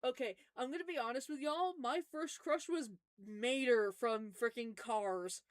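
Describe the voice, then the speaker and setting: A woman's voice: a little high, measured pace, no room sound, clean studio sound. A young woman chatting casually on a live stream, answering chat in a rambling way with lots of fillers.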